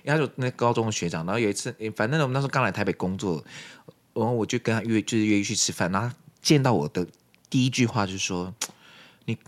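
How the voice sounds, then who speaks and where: A man's voice: lowish voice, rapid-fire. A man co-hosting a casual podcast chat, telling stories animatedly and acting out the dialogue. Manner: animated storytelling, acting out quoted dialogue, frequent laughter. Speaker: podcast co-host.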